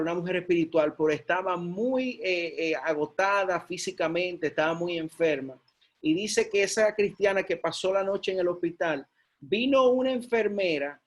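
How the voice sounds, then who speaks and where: A man preaching a sermon, telling a personal testimony with excited repeats and emphatic peaks. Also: sits high.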